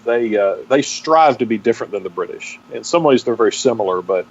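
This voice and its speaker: A middle-aged pastor and seminary teacher from Texas, with a Texan accent, reflects as an interview guest, halting often and searching for words through repeated false starts. His medium-pitched voice is expressive and slightly rough. The audio is dull and band-limited, with faint noise.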